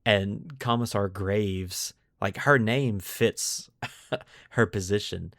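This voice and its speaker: A podcast host with a lowish, slightly bright male voice speaks slowly, blending scripted lore narration with casual commentary. He leans dramatically on key words, and the recording is dry and clean, with studio sound.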